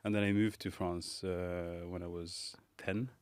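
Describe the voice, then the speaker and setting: Low, smooth-voiced man, halting speech. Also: flat delivery, a little mellow, dry recording. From Morocco. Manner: thoughtful, halting, many fillers. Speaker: guest, pastry chef. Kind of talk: casual interview.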